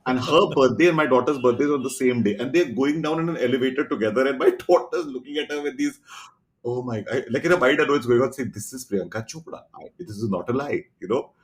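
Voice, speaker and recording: Man, Indian accent, middle-aged, podcast guest, animated storyteller, mid-pitched voice. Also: fast, slight background noise. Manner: animated anecdotes with quoted dialogue and laughter. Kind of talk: casual storytelling chat.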